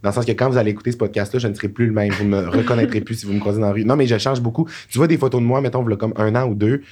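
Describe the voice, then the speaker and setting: A man's voice: on the low side, rapid-fire, a little hiss or hum. A man in his twenties with a Quebec French accent, a podcast guest telling stories in casual chat and laughing often. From Saguenay, Quebec. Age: 20s. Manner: animated storyteller, laughs often.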